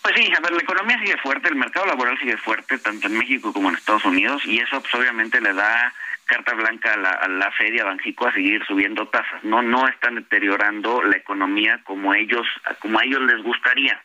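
A man's voice: on the low side, quick pace, sharp tone, low-quality recording. A man with a Mexican accent, a portfolio manager explaining interest rates in a radio interview, often ending points with a questioning tag. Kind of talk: financial interview.

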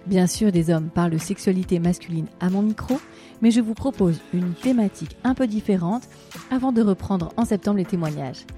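A woman's voice: mid-range voice, a little fast, dark tone, faint music behind. A woman hosting a podcast, presenting and asking questions in conversation. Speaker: podcast host. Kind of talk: scripted podcast introduction and casual interviewing.

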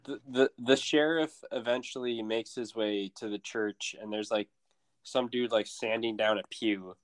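A man co-hosting a casual movie podcast, animated and laughing as he retells scenes. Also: lowish voice, unhurried, no room sound. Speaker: podcast co-host.

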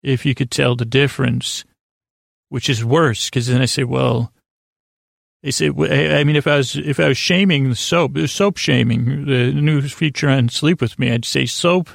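Hosting a sleep podcast, this American man wanders through a stop-start monologue, stammering and correcting himself often. He speaks at a medium pitch in a steady tone with vocal fry, and the studio-quality audio has no echo.

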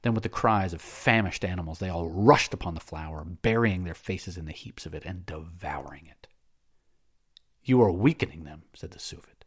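Deep husky male narrator. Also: normal speed, hardly any pauses, fairly bright tone. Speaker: audiobook narrator. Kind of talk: scripted narration.

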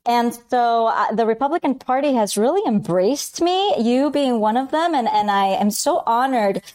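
Chatty woman, smooth clear voice. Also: on the high side, lively intonation, moderate pace. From Colombia, raised in Miami. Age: 40s. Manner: chatty, warm storyteller, switches into Spanish phrases. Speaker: podcast guest. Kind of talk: casual interview chat.

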